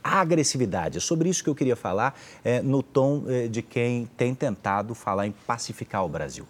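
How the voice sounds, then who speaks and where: A Brazilian male interviewer poses long, formal questions to a candidate. His voice carries a slightly husky grain, and he addresses his guest politely and deliberately. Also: mid-range voice, lively intonation. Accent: Brazilian Portuguese.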